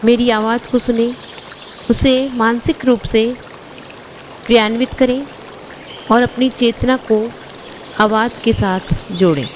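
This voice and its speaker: A woman leading a guided yoga nidra meditation, calm and instructive, with long pauses between short phrases. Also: a little high, a little hiss or hum.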